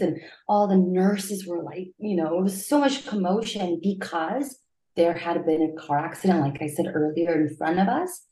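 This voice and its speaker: Echoey woman recounting an accident. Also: mellow. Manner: many fillers, jumps high when quoting herself. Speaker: interview guest. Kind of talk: casual personal storytelling.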